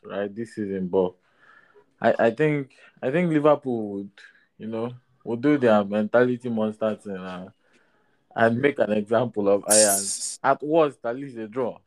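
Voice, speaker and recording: A man's voice: medium pitch, poor audio. A man in a casual sports discussion who often tags his phrases with a questioning "right?". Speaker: football podcast panelist.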